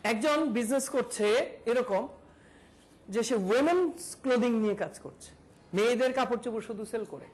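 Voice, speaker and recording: Woman teaching a class, drills students. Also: on the high side. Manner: questions students one by one, repeats key terms. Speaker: digital marketing instructor. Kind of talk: classroom lecture.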